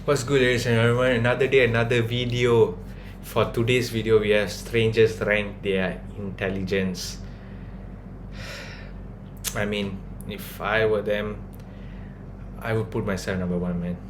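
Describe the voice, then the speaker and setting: Flat-voiced slangy male host. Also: lowish voice, a little slow, pauses often, noisy background. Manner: laid-back, crude slang. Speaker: YouTube host reacting to a video. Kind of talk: casual commentary. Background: background music.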